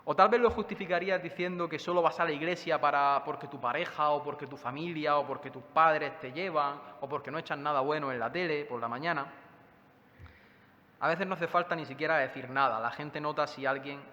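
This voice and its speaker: A man with a Spain Spanish accent preaches a Sunday sermon in a conversational way, often putting questions to the congregation. His voice sits a little high and sounds sharp and forceful. The church around him adds a long echo, and the recording is slightly dull. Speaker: pastor preaching.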